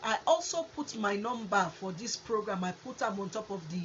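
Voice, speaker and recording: A woman with a Nigerian accent hosting a conversational advice talk in Nigerian Pidgin, with an animated way of explaining things. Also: medium pitch, normal speed. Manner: animated, acts out example exchanges. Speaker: host. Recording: muffled lo-fi audio with faint noise.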